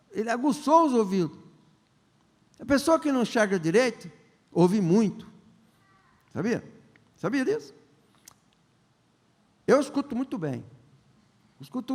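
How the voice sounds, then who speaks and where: High, lively preaching bishop in echoing hall. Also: male voice. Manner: conversational, joking, asks the congregation questions; acts out the characters' lines in quick voices. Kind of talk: sermon. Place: large church hall. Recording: long church-hall reverb.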